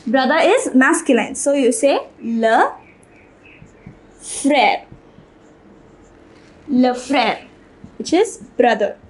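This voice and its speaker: A French teacher with a high, bright voice gives a slow, deliberate language lesson, repeating each word several times like a patient classroom teacher. She is expressive, though the recording quality is low.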